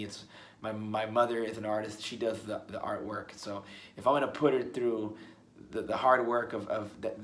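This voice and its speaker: Rambling low-voiced man, roomy sound. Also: slight background noise. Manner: rambling, restarts words often. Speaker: musician vlogger. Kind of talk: casual one-take video blog. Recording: roomy with faint ambience.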